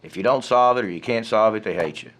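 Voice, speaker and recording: A man's voice: fairly low pitch, fast, a bit bright. A man who worked as a homicide detective explaining his work in a plain, matter-of-fact way, often repeating words. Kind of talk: interview.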